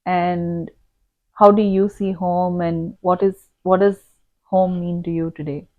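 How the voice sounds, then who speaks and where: A woman's voice: lowish voice, level tone, slow. Woman host on a tinny call line. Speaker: podcast host interviewing her father. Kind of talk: conversational interview.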